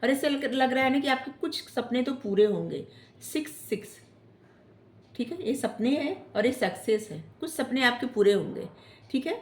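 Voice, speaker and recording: A woman tarot reader giving gentle spiritual advice, often checking in with "theek hai?" as she talks. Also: sits high, lively intonation, moderate pace, echoey room. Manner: gentle coaching tone, ends phrases with "theek hai?". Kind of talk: casual spiritual advice talk.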